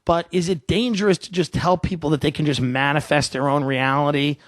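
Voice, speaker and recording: A man's voice: fairly high pitch, steady tone, brisk, no echo, clean studio sound. A man hosting a casual discussion, rambling and restarting as he searches for words. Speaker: podcast host.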